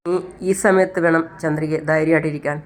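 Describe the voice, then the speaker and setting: A steady young man offers calm, firm comfort, as a woman narrator reads his part. The delivery stays low and even in her own flat storytelling voice. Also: fairly quick, lightly acted. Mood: reassuring.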